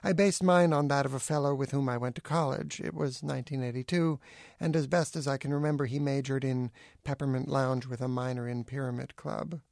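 Brief: middle-aged male author, dry acerbic essay reading, gravelly edges, dead close dry mic. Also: mid-range voice, brisk, no echo. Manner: acerbic, deadpan wit.

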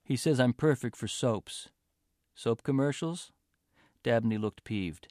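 A man's voice: mid-range voice, slow, darkish tone, dry recording, studio quality, lightly acted. A man voicing a resentful young male college athlete who turns sarcastic and bitter in a story reading. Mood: boastful.

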